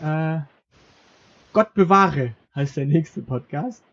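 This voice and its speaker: Joking his way through a list, this male co-host keeps the podcast banter loose, speaking slowly in an expressive, slightly high and fairly bright voice. The lo-fi recording sounds muffled, and there's noise behind him.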